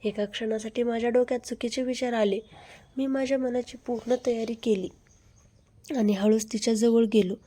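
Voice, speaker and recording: A woman narrates a story in a dark, mellow voice that sits a little high. Her pitch barely moves, so the reading stays even and measured from line to line.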